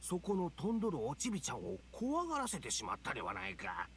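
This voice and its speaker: An actor playing an ancient, sly male fox spirit in a video game, with slow, theatrical villain menace and old-fashioned speech. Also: medium pitch, huge pitch swings, fairly bright tone, slight background noise. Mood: teasing menace.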